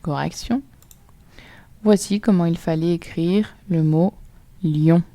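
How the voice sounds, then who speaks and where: A woman with a French accent teaching a recorded phonics lesson to children, spelling sounds out slowly and clearly letter by letter. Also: lowish voice, mellow, no room sound.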